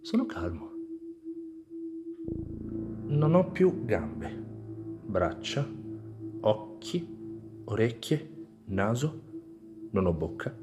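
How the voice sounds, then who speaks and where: A man playing a maimed young soldier, deaf and blind and trapped in his body, in a dramatic monologue, swinging between anguished cries, whispers and numb calm. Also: on the low side, extremely slow, pauses often, music in the background, heavily acted. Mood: despairing. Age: young adult.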